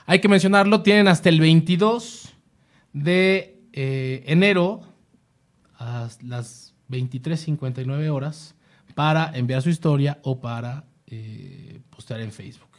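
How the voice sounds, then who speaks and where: Mexican guy hosting a podcast, kinda high voice, lots of "este" and restarts. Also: measured pace. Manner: rambling, many fillers and restarts. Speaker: podcast host. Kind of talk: casual podcast chat.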